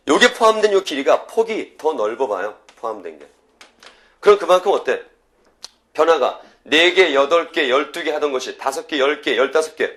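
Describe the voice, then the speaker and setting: A man's voice: on the high side, a bit bright. A male physics lecturer teaching a class, who asks questions, answers them himself and gets students to chant formulas aloud.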